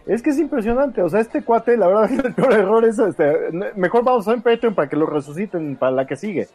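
A man's voice: sits high, animated, brisk, darkish tone. A man with a Mexican accent in a casual film discussion, colloquial and often seeking agreement. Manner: colloquial, seeks agreement with tag questions. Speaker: podcast panelist.

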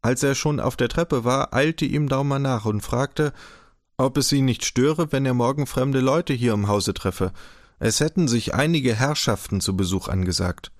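A man with a German accent narrating a historical novel in a calm, measured audiobook reading. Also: medium pitch, no echo, clean studio sound.

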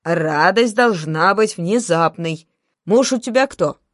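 A woman reading an audiobook voices a blustering, jokey middle-aged male boss who talks gruffly with slow, bossy emphasis. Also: on the low side, lively intonation, dry recording, studio quality. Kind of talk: audiobook character voice.

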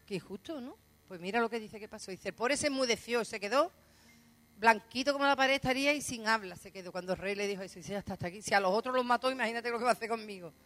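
A woman's voice: a little high, quick pace, fairly bright tone. A woman with a Spanish accent preaching a sermon, telling stories with frequent laughs and acting out quoted lines. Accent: Spain. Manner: storytelling, laughs often and acts out quoted lines.

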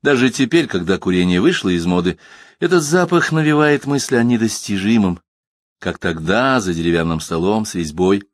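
A man narrating a literary audiobook in a measured, expressive reading voice. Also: fairly low pitch, no room sound, clean studio sound.

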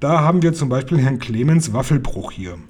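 Bossy little girl explaining stuff, man reading her part, husky, lively. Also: medium pitch, brisk. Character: brisk, self-assured young girl.

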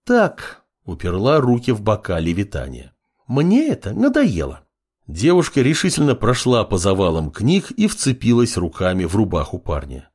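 A man reading a fantasy novel aloud as an audiobook narrator, in an expressive storytelling manner. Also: lowish voice, normal speed, hardly any pauses, slightly rough. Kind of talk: scripted narration.

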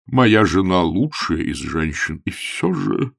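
A man voicing a timid, fussy elderly bishop who speaks slowly and plaintively. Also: low voice, big pitch swings, gravelly, no echo, clean studio sound, exaggerated voice. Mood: mournful. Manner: slow, plaintive and pleading.

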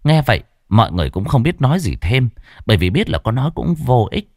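A man narrating a ghost story in an expressive storytelling manner. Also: medium pitch, fast talker, dry recording, clean studio sound.

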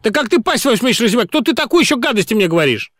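A man's voice: extremely high pitch, big pitch swings, rapid-fire, fairly bright tone, dry recording, clean studio sound, pitched above the performer's own voice, exaggerated voice. A man voicing a quarrelsome woman company director who screeches in anger and turns frantic on the phone. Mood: furious.

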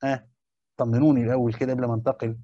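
A man's voice: mid-range voice, level tone, rapid-fire, dark tone, no room sound, dull audio. A man with an Egyptian accent teaching a lesson on a Quran commentary. He repeats key phrases and keeps checking that his listeners follow. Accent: Egyptian Arabic. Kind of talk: classroom lesson.

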